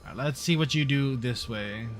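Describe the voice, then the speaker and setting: A man's voice: medium pitch, normal speed, a little hiss or hum. A young man streaming a game, chatting casually and muttering his thoughts aloud as he plays. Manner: laid-back, muttering, thinking aloud. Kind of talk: casual gameplay commentary. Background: game music.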